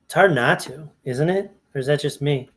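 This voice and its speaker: A man with a somewhat raised pitch talks loosely as an analyst going over fantasy sports picks. He thinks aloud and backtracks, conversational rather than scripted. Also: moderate pace. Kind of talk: casual screen-share walkthrough.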